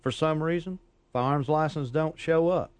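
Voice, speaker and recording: A man who is a police officer, a guest on a talk show, explaining things in a calm, measured way. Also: a little high, smooth, dry recording. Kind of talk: radio talk show interview.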